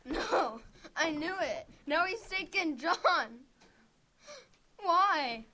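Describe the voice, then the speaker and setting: A woman's voice: very high voice, lively intonation, extremely slow, pushed and bright, a little hiss or hum, heavily acted. A woman playing a suspicious teenage schoolboy who yelps and protests in alarm. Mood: frantic.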